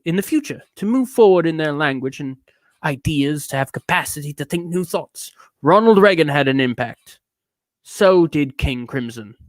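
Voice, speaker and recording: A drunk man putting on an affected fake British accent to read aloud in a slow, grand, pompous way. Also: a little high, no echo.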